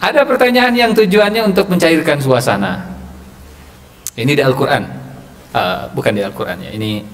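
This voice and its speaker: A man's voice: a little high, moderate pace, vocal fry, long pauses. A man giving a humorous mosque sermon, acting out quoted dialogue in raised voices. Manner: acts out quoted dialogue in raised voices, mixes Sundanese phrases. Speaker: preacher giving a mosque study session. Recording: long hall reverb, faint ambience.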